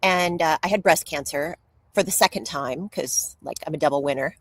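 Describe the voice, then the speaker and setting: A woman with a slightly low-pitched voice, speaking at normal speed, answers questions as an interview guest. She shares personal stories candidly and openly, like a writer happy to share everything, an open oversharer.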